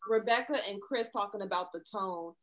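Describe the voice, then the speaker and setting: A woman's voice: medium pitch, fairly quick, fairly bright tone. A married woman in a relationship talk show, telling her story in a reflective way. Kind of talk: casual chat.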